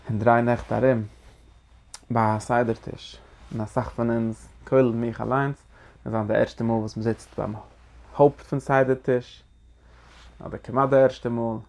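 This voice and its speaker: Gravelly man giving an earnest religious talk. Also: mid-range voice, darkish tone. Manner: earnest and emphatic, repeating key phrases; peppered with Hebrew religious terms. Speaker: religious teacher. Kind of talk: Passover guidance talk.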